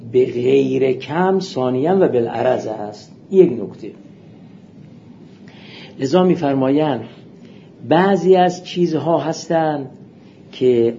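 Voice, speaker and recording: Man, seminary lecture, measured explanations, dark mellow voice, dull lo-fi sound. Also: mid-range voice. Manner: measured explanatory lecturing, reading Arabic quotations. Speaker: philosophy teacher. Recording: muffled lo-fi recording with faint hiss.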